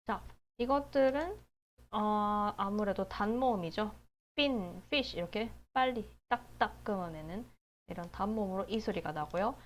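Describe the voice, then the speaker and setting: A woman teaching basic English phonics, explaining calmly and drawing out each word slowly. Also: mid-range voice. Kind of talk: slow, explanatory phonics lesson.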